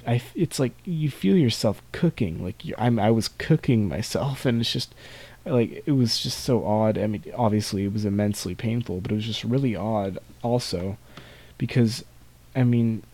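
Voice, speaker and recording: A man's voice: fairly low pitch, dark tone. A young man hosting a podcast alone, telling rambling, self-mocking stories about school and laughing now and then. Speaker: podcast host. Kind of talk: casual solo storytelling.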